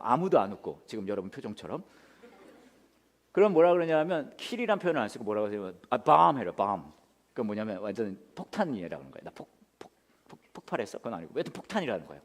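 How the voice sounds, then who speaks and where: A male pastor preaching a sermon, mixing comic stories with soft, hushed passages. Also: mid-range voice, in a large hall. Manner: animated, shifts from soft hushed tones to loud punchy storytelling.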